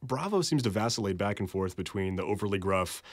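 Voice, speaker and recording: A man's voice: fairly low pitch, animated, a little fast, no room sound. A man, a voice actor, speaking in a wry, easygoing way in an interview.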